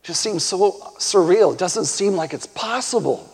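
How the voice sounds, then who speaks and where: A fairly high-voiced man preaching with emphasis and putting pointed questions to his listeners. His voice rings out in a hall with a long reverb. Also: expressive, normal speed, a little mellow, breathy edge. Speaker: pastor. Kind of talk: sermon.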